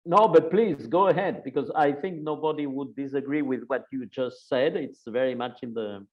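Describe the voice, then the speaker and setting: A man's voice: medium pitch, moderate pace. A man moderates an online discussion over a video call, his voice sitting in an ordinary middle register. He talks in short, reflective phrases. The call audio is dull and lo-fi. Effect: heard over a video call. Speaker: webinar moderator.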